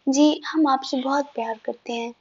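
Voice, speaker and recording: Shy young bride, quiet and hesitant, read by a woman storyteller, high voice, muffled recording. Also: a little slow. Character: shy sweet young bride, soft-spoken. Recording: dull lo-fi recording.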